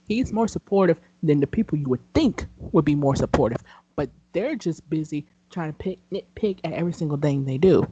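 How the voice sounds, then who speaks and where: Brief: podcast co-host, mellow dark tone, emphatic casual chat, slightly dull sound. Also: medium pitch, lively intonation, a little fast, breathy edge, dry recording. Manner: emphatic, chatty with "y'all" and "like".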